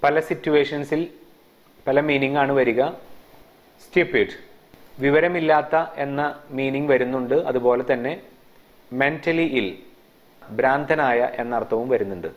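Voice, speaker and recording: A man's voice: mid-range voice, measured pace, long pauses. A man with a Malayali accent, teaching English by translating a story line by line and explaining the grammar. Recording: dull lo-fi sound.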